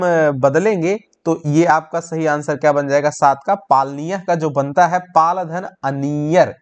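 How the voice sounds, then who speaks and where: A man teaching an exam-prep lesson, explaining each answer step by step and checking in with "right?". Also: on the high side.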